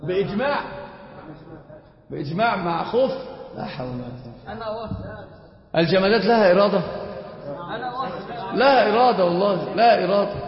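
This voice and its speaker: Quick-talking and high-voiced, a man lectures students on creed as an Islamic teacher, answering the very questions he puts to them. The hall is echoey and the audio is dull and lo-fi.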